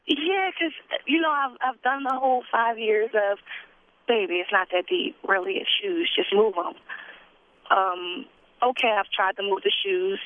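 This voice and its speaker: A woman's voice: medium pitch, moderate pace, no room sound. A woman calling in to a radio show over the phone, talking casually and plainly as she vents. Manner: casual, plain-spoken, frustrated venting. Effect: heard over the phone. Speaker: caller. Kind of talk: call-in radio conversation. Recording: narrow tinny phone line.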